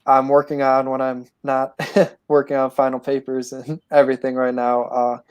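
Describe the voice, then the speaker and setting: A young man in his twenties, a guest calmly explaining his plans. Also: mid-range voice, moderate pace, clear, resonant tone. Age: 20s. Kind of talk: casual interview.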